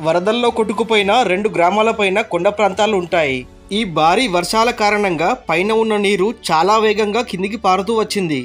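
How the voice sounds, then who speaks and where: A man with a distinctly high voice narrates a facts video, reading from a script in an explainer style while soft music plays underneath.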